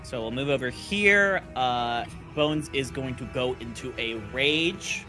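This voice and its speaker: A man's voice: medium pitch, slow pace. A man talking casually as a player in a tabletop game session, thinking aloud as he works out rules and dice. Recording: music playing behind the voice.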